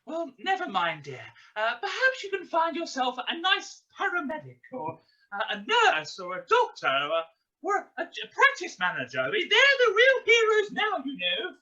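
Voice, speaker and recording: Fussy doting pantomime widow, very high, bright, theatrical, exclaiming, muffled recording. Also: female voice, huge pitch swings, moderate pace, exaggerated voice. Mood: soothing, coy. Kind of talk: comic pantomime acting.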